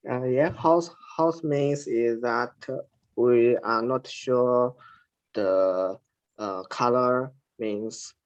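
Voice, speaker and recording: A man, a student, speaking haltingly to his professor, his voice heard over an online call line. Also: medium pitch. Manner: halting, searching for words. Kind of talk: meeting with a professor. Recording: dull lo-fi call audio.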